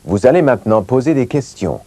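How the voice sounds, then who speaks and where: A man teaching English in a scripted lesson, drilling words slowly and clearly. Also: medium pitch, very animated, dark tone. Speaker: language teacher.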